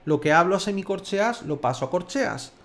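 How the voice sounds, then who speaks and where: A man's voice: sits high, expressive. A man from Spain with a Spanish accent, teaching songwriting in a casual video lesson, chatty and demonstrative. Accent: Spanish, from Valencia. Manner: chatty, demonstrative, sings and speaks lyrics slowly in rhythm. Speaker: music theory teacher.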